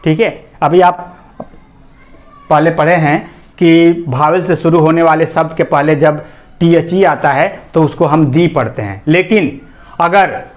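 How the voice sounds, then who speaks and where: High-voiced man teaching English grammar. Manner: repeats questions to students and answers them himself; reads example sentences word by word, slowly. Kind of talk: explanatory classroom lesson.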